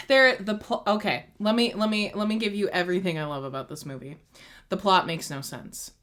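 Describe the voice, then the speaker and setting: This young co-host rambles with gushing enthusiasm through a casual chat, saying "like" constantly. She has a medium-pitched, fairly bright voice and talks at normal speed.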